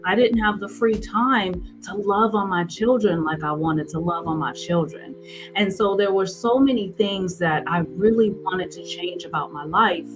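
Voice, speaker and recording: A woman in her forties, a guest in an interview, telling her story earnestly with halting restarts. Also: fairly low pitch, music in the background, rough recording. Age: 40s.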